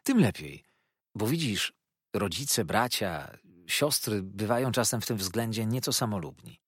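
A man's voice: lowish voice, expressive, a little slow, fairly bright tone, slightly rough, no echo, studio quality, exaggerated voice. A man reading an audiobook, voicing a cheerful young male lawyer who rambles eagerly about his new marriage. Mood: effusive.

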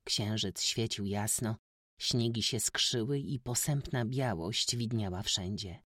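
A man reading a classic novel aloud as an audiobook narrator, in a steady, measured storytelling manner. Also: lowish voice, no echo, studio quality.

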